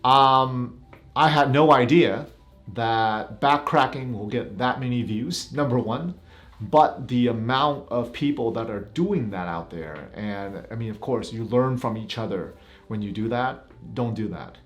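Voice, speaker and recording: A man's voice: mid-range voice, a little slow, faint music behind. A middle-aged man, a physician, reacting to clips in a casual commentary, giving blunt warnings with a half-joking edge.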